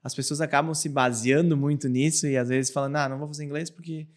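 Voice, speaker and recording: A man's voice: fairly high pitch, fairly even intonation, fast talker. A man hosting a podcast, asking long, rambling questions full of fillers. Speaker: podcast host. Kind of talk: casual podcast interview.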